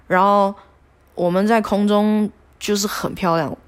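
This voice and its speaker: A woman telling a personal story on a podcast, animated and self-deprecating with many fillers. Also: medium pitch, a little slow, clean tone. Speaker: podcast host.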